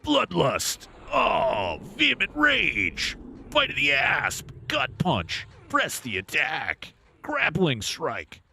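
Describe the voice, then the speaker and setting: A man putting on a squeaky hyped battle-cry voice. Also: huge pitch swings, slow, vocal fry, slightly rough, heavily acted. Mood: hyped silly. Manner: squeaky, shouted, sing-song repetition. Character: goofy overexcited man yelling his attack names.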